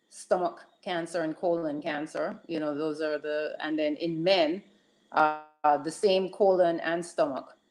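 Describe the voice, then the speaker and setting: Low woman's voice over a crackly static phone line, hesitant, lots of ums. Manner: hesitant, many ums and restarts. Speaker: guest general surgeon. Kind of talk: call-in interview answers. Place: calling in by phone.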